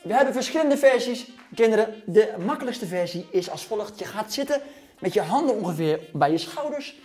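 A man's voice: high voice, animated, brisk, a little mellow, faint music behind. A man in his thirties coaching a children's home workout, cheering them on and counting down reps while exercising himself and a little out of breath. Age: 30s. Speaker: fitness coach for kids. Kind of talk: energetic workout instruction. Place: gym.

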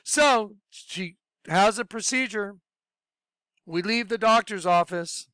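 A man's voice: sits high, takes it slowly, sharp tone, smooth, dry recording. A man earnestly telling his personal story as a religious testimony, often acting out what people said. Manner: earnest, acts out quoted dialogue.

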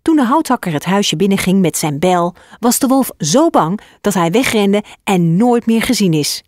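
A woman narrating a children's fairy tale in an expressive, scripted reading. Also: mid-range voice, moderate pace, no echo, clean studio sound.

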